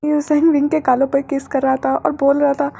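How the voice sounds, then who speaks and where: A woman storyteller reading fan fiction aloud in a lively, dramatic way. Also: high-pitched, a little fast, gravelly.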